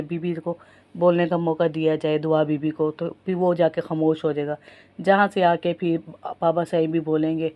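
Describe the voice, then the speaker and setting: A woman with a low voice talks her viewers through a TV drama's plot in a casual recap. Her delivery stays flat and level, and she calls her audience friends as she goes. She often stops to correct herself. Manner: retells plot at length, addresses viewers as friends, frequent self-corrections. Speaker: TV drama reviewer.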